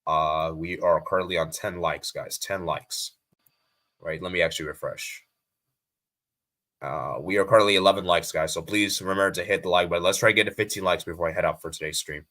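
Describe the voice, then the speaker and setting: A man's voice: sits low, steady tone, a little fast, bright, forceful tone. An American man hosting a live stream, chatting casually and reading viewer comments aloud, often repeating himself. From USA.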